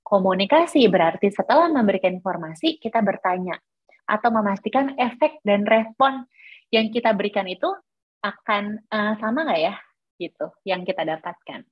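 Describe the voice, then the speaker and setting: A woman's voice: medium pitch, lively intonation, moderate pace, slightly rough, dry recording, dull audio. A woman giving an explanatory workshop lecture to teachers, often saying filler words between points. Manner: explanatory, many fillers like "nah" and "gitu ya". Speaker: teacher trainer.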